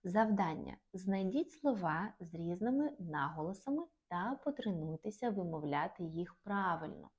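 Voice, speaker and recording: Low, husky-voiced woman teaching pronunciation. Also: expressive, darkish tone, highs cut off. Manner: clear, deliberate explanations with stressed example words. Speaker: English teacher. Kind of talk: scripted lesson narration.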